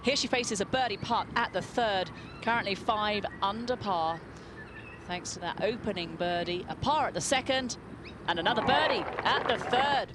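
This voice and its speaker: Female golf commentator, mid-pitched, live call over noticeable course ambience. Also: lively intonation, normal speed, background noise.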